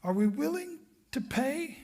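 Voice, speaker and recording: A man preaching a church sermon as pastor, emphatic and repetitive, dropping suddenly to a hush for effect. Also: very high voice, sing-song, a little slow.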